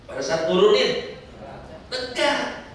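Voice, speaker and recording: A man instructing a pilgrim group in a lively sermon, asking the listeners questions as he goes. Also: sits high, takes it slowly. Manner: lively preaching with rhetorical questions. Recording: very echoey hall from far off, faint ambience.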